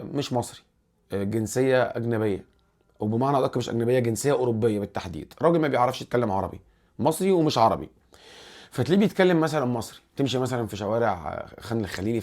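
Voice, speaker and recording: A man with an Egyptian accent hosting a casual football commentary vlog, animated and rambling, restarting his words often. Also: mid-range voice. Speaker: football channel host.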